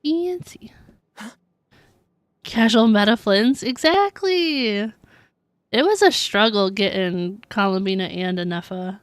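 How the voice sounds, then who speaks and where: Giggly young woman gaming on stream, smooth clear voice, dry close mic. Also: mid-range voice, a little slow, dry recording. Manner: chatty, giggly, reacting aloud. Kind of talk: casual gameplay chat.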